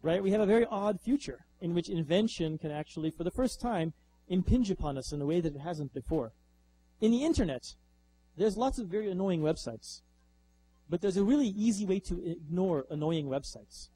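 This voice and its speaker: A man giving a lively, conversational lecture as an author, often posing rhetorical questions to the audience. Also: sits high, fairly quick, husky, poor audio. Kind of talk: lecture with slides.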